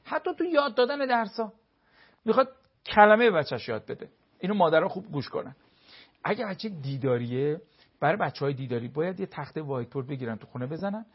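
Husky man counseling with lively examples. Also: a little high, muffled recording. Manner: lively, acts out spouses' remarks in quotes. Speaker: family counselor. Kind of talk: explanatory talk with everyday examples.

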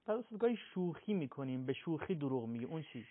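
A man's voice: fairly high pitch, very animated. A man hosting a live call-in show, asking short polite questions and giving brief acknowledgements. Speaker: host. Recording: tinny phone-like broadcast sound.

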